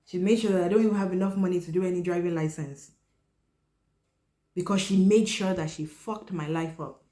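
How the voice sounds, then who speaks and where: A woman hosting a podcast, telling a personal story in a blunt, candid way and often dropping her voice low. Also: steady tone, a little fast, mellow. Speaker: podcast host. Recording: roomy echo.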